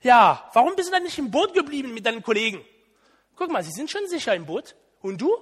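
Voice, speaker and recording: A man's voice: extremely high pitch, sing-song, fairly quick, fairly bright tone, husky, big-room sound, pitched above the performer's own voice, exaggerated voice. A man voicing a sarcastic, impatient Jesus who mocks and scolds in exasperated questions. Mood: mocking.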